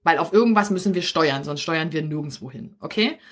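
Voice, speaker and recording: Speaking a little fast in a low voice with lively intonation, this Berlin-accented woman coaches business over a live stream. She's chatty and direct, keeps checking in with her viewers, and caps her points with "okay?"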